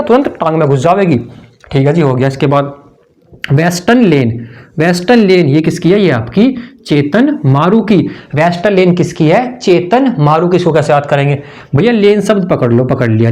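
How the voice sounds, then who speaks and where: A high-pitched male tutor, teaching exam memory tricks. He fires off questions and answers them himself, repeating the key words in a chummy, conversational way. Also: a little mellow.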